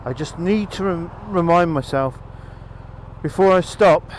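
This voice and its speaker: A man's voice: on the high side, measured pace. A man talking casually through a helmet mic while test-riding a motorbike, thinking aloud as he goes. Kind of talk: casual ride commentary. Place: on a motorbike outdoors on the road. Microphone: helmet-mounted mic while riding. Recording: wind and engine noise, helmet mic.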